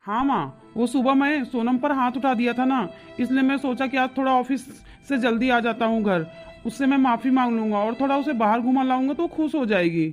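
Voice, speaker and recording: A sheepish cartoon husband frets anxiously, as a woman voices him. The voice sits high for a man and sounds apologetic. Light music plays in the background. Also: brisk, muffled recording, natural voice. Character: sheepish young husband and son. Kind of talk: cartoon comedy voice acting.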